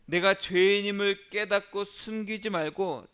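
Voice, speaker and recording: A man's voice: sits high, a little slow, fairly bright tone, clear, resonant tone. A male pastor giving a sermon in a conversational way, asking rhetorical questions and acting out inner thoughts.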